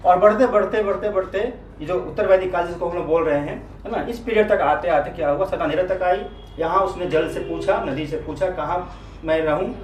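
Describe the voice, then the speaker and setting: A man teaching a history class, repeating key terms and often checking whether his students follow. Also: sits high. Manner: keeps checking understanding with quick questions. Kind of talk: classroom lecture. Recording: echoey room, mic at a distance, faint noise.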